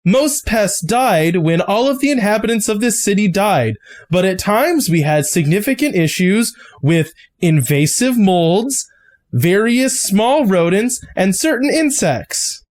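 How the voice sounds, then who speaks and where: A game master voicing a dutiful male guide robot in a tabletop game, speaking in a stiff, recited way that sits a little higher than their own voice. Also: lively intonation, a little slow, a little mellow, close to an everyday voice. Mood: formal. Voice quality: stiff, formal, recited delivery.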